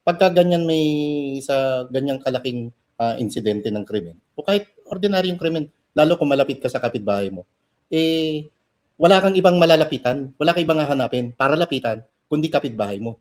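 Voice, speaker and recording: A man's voice: mid-range voice, expressive, a little fast, a little mellow. Earnest man in political commentary. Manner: earnest, critical, builds to emphatic points. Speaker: co-host. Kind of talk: political commentary talk show.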